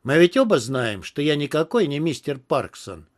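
A man's voice: fairly high pitch, sing-song, moderate pace. A man voicing a stooped, nervous young male henchman who mumbles deferentially.

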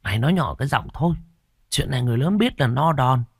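A man's voice: medium pitch, expressive, quick pace, creaky, breathy edge, no echo, clean studio sound, pitched above the performer's own voice. A man voicing a sly, boastful twelve-year-old village boy who chatters in a conspiratorial, defensive way in a spoken ghost story. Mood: excited.

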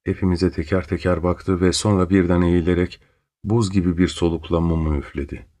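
A man reading a story aloud in a slow, grave and intense manner. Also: deep voice, fairly even intonation, mellow. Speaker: narrator. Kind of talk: dramatic audiobook narration.

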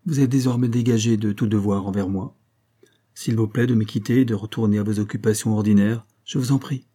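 Man doing cold upset young husband, low dark voice, clipped. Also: fairly even intonation, fairly quick, natural voice. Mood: curt. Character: tormented, stern young husband. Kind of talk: audiobook character voice.

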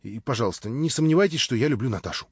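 A man's voice: mid-range voice, expressive, very fast, breathy edge, no room sound, voice pushed down. Man reading a plaintive naive young man. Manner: plaintive, rambling. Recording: dry, slightly dull lo-fi audio.

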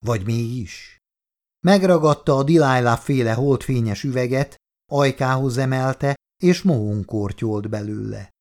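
A man narrating a novel in a measured, steady reading voice. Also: medium pitch. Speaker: audiobook narrator. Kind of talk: scripted narration.

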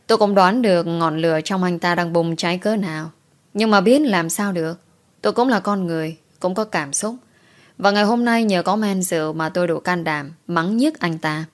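A woman narrating a first-person audio story in a wistful, emotional way. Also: fairly low pitch.

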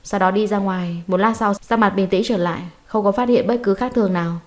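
A woman voicing a subordinate who gives a quick, factual report. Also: mid-range voice, a little mellow, lightly acted. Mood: matter-of-fact. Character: subordinate giving a brisk report.

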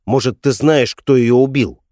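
A man's voice: mid-range voice, a little slow, darkish tone, no room sound, close to an everyday voice. Man playing a troubled middle-aged father, hesitant, careful, pleading, audiobook, dry sound.

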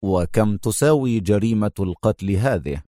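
A man voicing a calm, mocking crime boss who talks slowly, low and coolly menacing. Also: no echo, studio quality.

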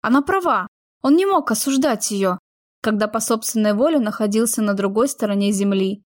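A woman narrating a romance novel as an audiobook, in a steady, expressive storytelling manner. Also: medium pitch, normal speed, no echo, studio quality.

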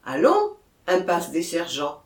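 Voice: medium pitch, wildly swooping pitch, slow pace. A reader voicing a cheerful village doctor who asks offhand questions, in a storybook reading with a roomy echo. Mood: jovial. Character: jovial village doctor, middle-aged man.

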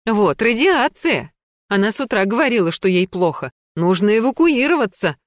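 A woman's voice: mid-range voice, normal speed, no echo, studio quality, natural voice. A woman narrating an audiobook, voicing a panicky, fussy middle-aged woman who pleads and frets. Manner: frantic, pleading, fussing.

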